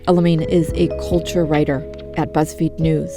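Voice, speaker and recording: A woman as guest host of a public radio show, reading her introduction and asking questions in a measured, scripted way. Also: low-pitched, level tone, gravelly, music in the background.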